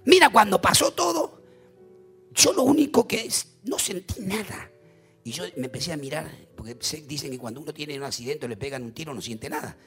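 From the pulpit, a preacher tells a story in a high, wildly swinging voice that's gravelly and husky, speaking a little fast. He's dramatic and animated, breaking into sudden loud bursts over faint background music.

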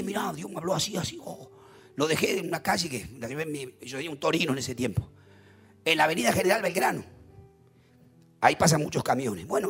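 A man preaching, telling a story dramatically in animated bursts. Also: fairly high pitch, gravelly, breathy edge.

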